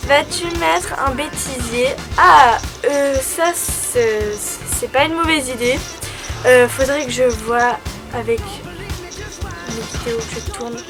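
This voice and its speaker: A woman's voice: high voice, slow pace. A young woman from France chatting casually as a dog-owner vlogger, reading viewer questions aloud and answering them in a chatty, hesitant way. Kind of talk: casual FAQ chat. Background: background music.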